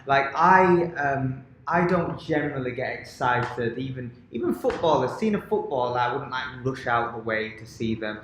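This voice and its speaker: A man's voice: mid-range voice, fairly bright tone, slight background noise. A man co-hosting a casual podcast, talking enthusiastically with lots of "um"s. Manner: enthusiastic, filler-heavy rambling. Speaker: podcast co-host. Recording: very echoey room, faint ambience.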